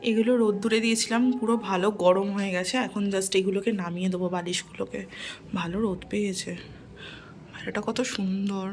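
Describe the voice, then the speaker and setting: A woman's voice: mid-range voice, fairly even intonation, moderate pace, slight background noise. Casual woman vlogger chatting to viewers. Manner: mixes English words into Bengali. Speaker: family vlogger. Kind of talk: casual vlog chat to viewers.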